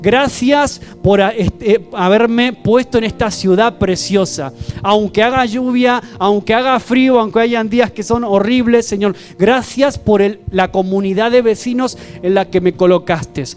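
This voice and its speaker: Brief: male pastor mid-sermon, high voice, fervent, faint keyboard underneath. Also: unhurried. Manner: fervent, praying aloud and exhorting the congregation. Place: church service. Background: soft keyboard music.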